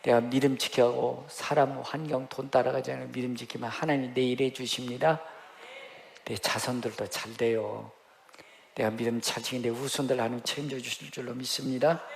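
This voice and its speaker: A man's voice: mid-range voice, fairly even intonation, fairly quick, vocal fry. A male pastor preaching a Sunday sermon in a church, exhorting the congregation emphatically, with casual asides. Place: church sanctuary. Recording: long church hall reverb.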